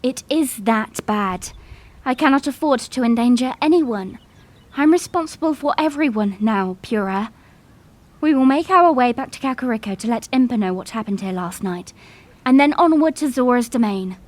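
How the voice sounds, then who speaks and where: A woman's voice: on the high side, lively intonation, normal speed, lightly acted. A woman playing a young princess in an audio drama, speaking formally and earnestly as a solemn, resolute leader. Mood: firm, worried. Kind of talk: fan audio drama acting, formal oratory.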